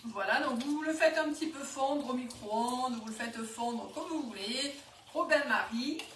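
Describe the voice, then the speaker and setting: A high-voiced woman with a southwest French accent talks through a live home-cooking demo, chatty, full of fillers and restarts. She sounds some way off from the microphone in an echoey kitchen, with faint noise behind her. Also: a little slow, fairly bright tone, distant mic. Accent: southwest French, Toulouse area. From southwest France. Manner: chatty, hesitant, many fillers. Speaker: cookware sales consultant.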